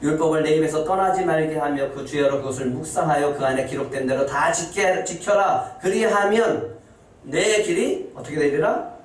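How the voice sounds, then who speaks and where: A fast-talking male pastor preaches in a church sanctuary, asking his congregation questions and answering them himself. His voice climbs to a high, emphatic pitch when he voices scripture quotes, on a very echoey, distant recording with faint hiss.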